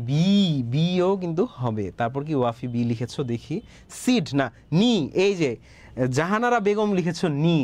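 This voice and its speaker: A man's voice: on the high side, darkish tone. A man with a Bangladeshi accent teaching an English pronunciation class online, reading out students' answers, repeating words and checking that they follow.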